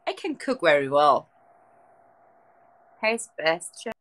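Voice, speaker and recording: A young German host lies in bed at night, casually chatting with her livestream audience through a close-held phone. She has a low voice, a German accent, and a slow, relaxed delivery, and the recording is low quality.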